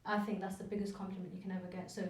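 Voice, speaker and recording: A woman's voice: mid-range voice, flat delivery, very fast, a little mellow, a little hiss or hum. A woman in casual radio conversation, reflecting earnestly and personally. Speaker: radio show guest. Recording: roomy, distant from mic.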